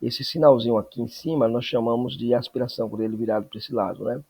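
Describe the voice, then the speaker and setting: A man teaching a Greek lesson, explaining slowly and checking in with frequent tag questions. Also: mid-range voice, steady tone, creaky, warm tone, husky. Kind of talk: classroom lesson.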